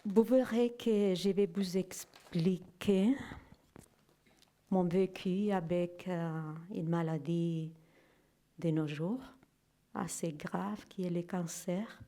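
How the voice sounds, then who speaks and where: A middle-aged woman with a Spanish accent, a native Spanish speaker, giving a personal testimony to an audience, slow and hesitant, searching for her words. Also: fairly low pitch, steady tone, mellow. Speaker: guest speaker.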